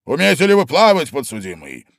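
A man's voice: on the high side, wildly swooping pitch, fairly quick, creaky, fairly bright tone, no echo, studio quality, pitched above the performer's own voice, exaggerated voice. A man voicing a fussy, foolish old king presiding over a trial in a storybook reading, musing pompously aloud.

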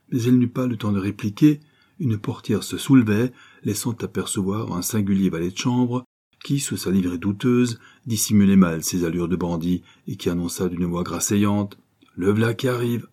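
A man reading a novel aloud as scripted narration, in a measured and dramatic way. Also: sits low, dark tone, husky. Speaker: audiobook reader.

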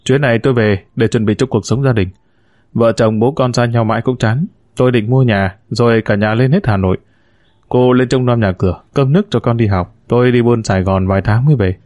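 A glib, scheming husband from a spoken story, read out by a male narrator in his own steady voice. He talks smoothly and persuasively, always trying to win people over. The sound is dry and close, with no room around it. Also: medium pitch, brisk, no room sound, natural voice. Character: smooth-talking scheming husband, a con man.

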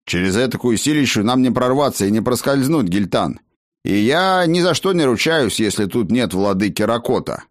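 A man's voice: medium pitch, lively intonation, normal speed, no room sound, studio quality, natural voice. A man voicing a male dwarf warrior who grumbles with vexation. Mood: vexed. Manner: vexed, grumbling.

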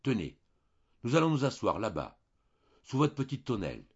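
A man's voice: medium pitch, wildly swooping pitch, normal speed, breathy edge, muffled recording, exaggerated voice. A man voicing a timid young woman who hesitates and stumbles over her words as she confides in a priest, read in a storybook manner. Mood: hesitant. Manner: hesitant, faltering, soft-spoken.

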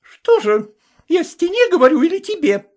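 A furious, jealous mistress shrieks and screams accusations, as a male narrator puts her on. Her voice sits very high and swings wildly. It is a storybook reading. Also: big pitch swings, normal speed. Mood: screaming. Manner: screeching, shouting accusations. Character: furious shrill middle-aged woman, jealous mistress.

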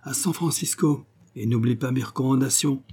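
A man voicing a suave, cocky gentleman burglar in an audiobook, brisk and commanding, with a mocking edge. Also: mid-range voice, slightly rough. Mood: urgent brisk. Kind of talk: audiobook character voice.

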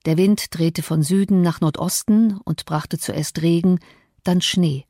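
A woman reading a classic novel as an audiobook in calm, measured narration. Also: lowish voice, no room sound, clean studio sound. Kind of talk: scripted narration.

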